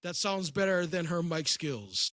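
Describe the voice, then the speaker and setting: A man's voice: a little high, sing-song, unhurried, a bit bright, no room sound, studio quality. A man co-hosting a wrestling podcast, sarcastic, repeating phrases for comic effect. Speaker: podcast co-host. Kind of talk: casual podcast chat.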